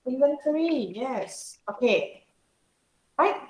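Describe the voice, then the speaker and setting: Amid crowd noise, a high-pitched woman with lively intonation takes her time teaching an informal accounting tutorial. She has a Singaporean or Malaysian English accent, often checks with questions, and uses colloquial particles in a roomy, echoey recording.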